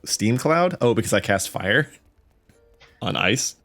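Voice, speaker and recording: A man's voice: mid-range voice, animated, takes it slowly, music in the background. A man playing a co-op game with friends, teasing them and laughing often. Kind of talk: casual gaming chat.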